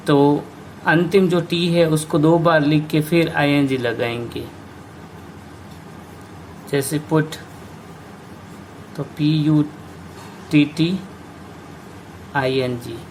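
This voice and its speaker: A man teaching an English grammar lesson, slowly explaining rules and spelling out words letter by letter. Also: fairly high pitch, slight background noise.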